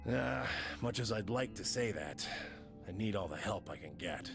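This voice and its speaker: An actor playing a gruff, standoffish old man who answers in a curt, grudging way. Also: fairly low pitch, lively intonation, moderate pace. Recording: game audio with music underneath.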